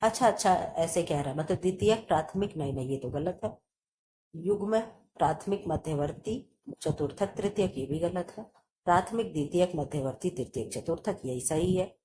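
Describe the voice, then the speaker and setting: A woman's voice: lowish voice, lively intonation, moderate pace, background noise. A woman teacher going through exam questions, reading out each option and then answering it herself. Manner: reads options aloud and answers them herself. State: coughing, chest sore. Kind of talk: exam-prep lesson.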